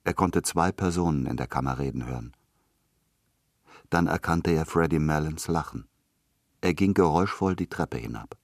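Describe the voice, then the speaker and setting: Male radio drama narrator, extremely deep voice, dry studio, steady reading. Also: moderate pace, pauses often, dry recording.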